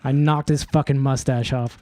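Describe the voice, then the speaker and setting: A man's voice: medium pitch, normal speed, dry recording. A young man co-hosting a podcast, casually telling stories with lots of laughing and swearing. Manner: laughing, swearing, animated storytelling. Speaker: podcast co-host. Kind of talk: casual chat. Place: studio.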